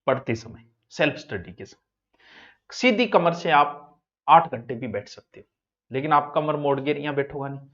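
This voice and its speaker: A man teaching an exam coaching class in a lively, joking way, often moving between loud and soft speech. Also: fairly high pitch, dull audio.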